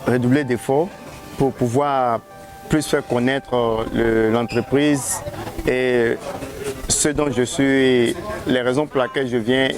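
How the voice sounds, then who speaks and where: A man from Côte d'Ivoire, interviewed outdoors as a guest, speaking hesitantly with many restarts. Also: mid-range voice. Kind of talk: street interview. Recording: music bed underneath.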